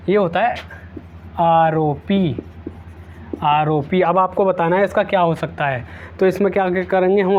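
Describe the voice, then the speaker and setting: A man's voice: high-pitched, dull audio, slight background noise. A man teaching an exam-prep vocabulary lesson, repeating each word several times and using playful memory tricks.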